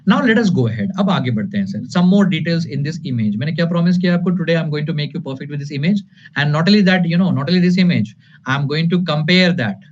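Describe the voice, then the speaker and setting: Casting: male online lecturer, Indian accent, slightly high voice, emphatic repeats, Hindi-English mix, lo-fi sound. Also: animated, rapid-fire. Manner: emphatic and repetitive, addressing students as sir and guys; switches between English and Hindi. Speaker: anatomy lecturer. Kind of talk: live online exam-prep lecture. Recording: dull lo-fi audio with light noise.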